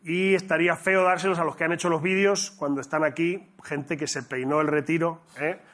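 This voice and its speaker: A man's voice: on the high side, little pitch movement, fairly quick, fairly bright tone. A man, co-hosting a live talk show in a theater. He jokes, rambles, and often trails off mid-sentence. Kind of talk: casual banter on a live show. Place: theater stage with a live audience.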